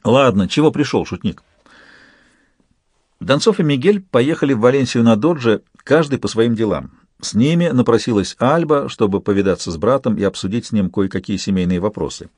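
A man reading a novel aloud in steady, measured scripted narration. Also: medium pitch, dry recording, studio quality. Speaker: audiobook reader.

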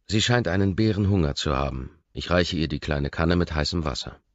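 A man reading a first-person audiobook narration in a measured, intimate, low-key manner. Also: animated, no echo, lo-fi sound.

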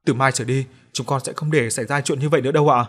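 A man's voice: mid-range voice, steady tone, very fast, a bit bright, close to an everyday voice. A man playing an earnest village husband. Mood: pleading. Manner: earnest, pleading.

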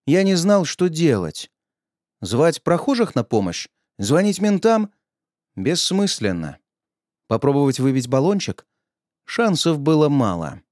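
A man narrating an audiobook in a lively, expressive reading. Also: a little high, measured pace, no room sound, studio quality.

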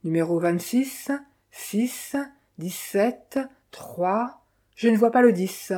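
A woman's voice: mid-range voice, slow, warm tone. A woman voicing a timid young male hotel porter who answers hesitantly, in a storybook reading.

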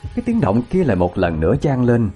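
A man narrates a ghost story with suspense. His mid-range voice rises and falls lively through each line. Soft music plays quietly underneath. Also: medium pitch, brisk. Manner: dramatic, suspenseful.

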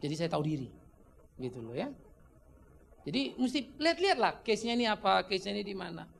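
A man preaching a conversational sermon as pastor, animated and joking, acting out little dialogues. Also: high voice, fast talker, creaky, slight background noise. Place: church.

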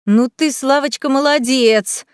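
A woman voicing a jealous young wife who screams shrill insults in an audiobook scene. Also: big pitch swings, brisk, no echo, clean studio sound. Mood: furious.

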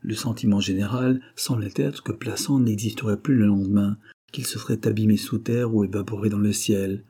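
A man reads a classic novel aloud in measured, expressive audiobook narration. His voice is low, dark and husky.

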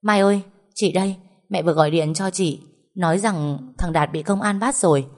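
A woman's voice: on the low side, moderate pace, lightly acted. A woman voicing a worried young married daughter who asks anxious, urgent questions and keeps the peace.

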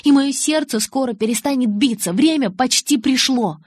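A stubborn teenage girl as a woman reader puts her on yells in a high, shrill voice. The tone is slightly husky and breathy. It is recorded close and dry for an audiobook. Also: expressive, moderate pace, dry recording. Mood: furious.

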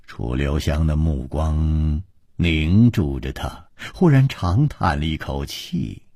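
A male storyteller narrating a long-form story broadcast in an animated way, voicing every character himself. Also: rumbling low, slow pace, husky, no echo, clean studio sound.

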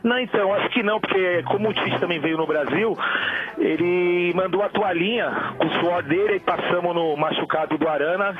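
A man's voice comes through a muffled telephone line as he calls in to the show. He is fairly high-pitched and chats loosely about football in a joking, teasing way. The line sounds dull and lo-fi. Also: fairly quick. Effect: voice heard over a telephone line. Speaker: listener calling in to a radio show. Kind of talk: casual football chat.

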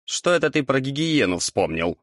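A man's voice: fairly low pitch, very animated, normal speed, fairly bright tone, no echo, studio quality. A man doing a grumbling cheeky imp. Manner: grumbling, sulky. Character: grumbling male imp, lazy, cheeky and clumsy.

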